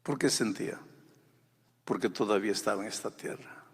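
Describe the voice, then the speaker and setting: A male pastor delivers a sermon with a slightly husky voice. He tells his story softly, then surges into loud, urgent calls to the congregation. His voice rings with a long reverb from a large church hall. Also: fairly low pitch, a little fast. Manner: swings from quiet intimate storytelling to loud fervent exhortation.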